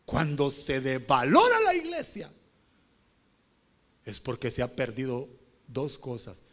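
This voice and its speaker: A man preaching a sermon as pastor, moving from low talk to shouted pleas and calling on the congregation with questions. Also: huge pitch swings, slow. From Honduras.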